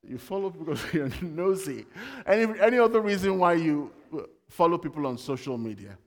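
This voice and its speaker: A man preaches in a conversational way, telling stories and asking his congregation questions. His voice sits fairly high for a man. The sound carries the long reverb of a church hall. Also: very animated, brisk. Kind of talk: sermon.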